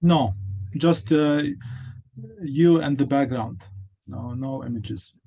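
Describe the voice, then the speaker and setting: A man who grew up between Lebanon and France, speaking as a guest in a video-call interview, plain and brief with some pauses. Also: mid-range voice, vocal fry, mellow. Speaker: interview guest, billiards player.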